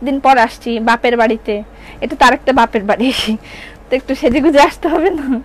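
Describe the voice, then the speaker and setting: A woman's voice: high voice, moderate pace, slight background noise. A woman with a Bangladeshi Bengali accent presenting her clothing line on a live sales stream, chatty, reading out viewer comments and slipping in English words. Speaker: clothing shop owner.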